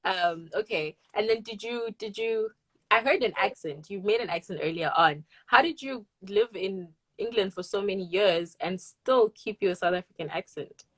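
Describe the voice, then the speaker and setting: A woman's voice: mid-range voice, moderate pace, a bit bright, no echo, low-quality recording. A woman hosting a live Q&A, reading out audience questions with hesitant fillers. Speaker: host.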